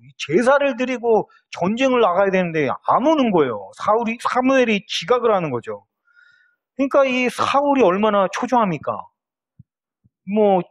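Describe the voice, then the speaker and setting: A male pastor giving an online sermon in a conversational way, asking the congregation rhetorical questions. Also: high-pitched. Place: church.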